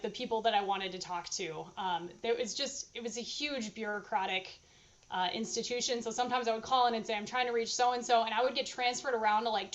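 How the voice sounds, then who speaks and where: A woman's voice: on the high side, dull audio. A woman answering questions at her dissertation defense, thinking aloud in a hesitant, hedging, informal academic way.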